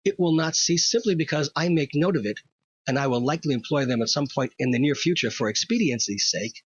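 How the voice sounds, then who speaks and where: A man's voice: medium pitch, brisk, slightly rough, no echo, highs cut off. A man hosting a scripted opinion monologue, wry, wordy and pedantic. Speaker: host.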